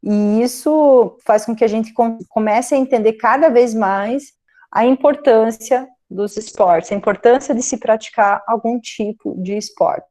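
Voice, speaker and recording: Brazilian lady psychologist chatting to students bout career stuff, keeps saying né, kinda high pitched. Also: measured pace, mellow. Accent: Brazilian Portuguese. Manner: conversational, frequent "né?" tag questions. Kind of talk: online career guidance talk.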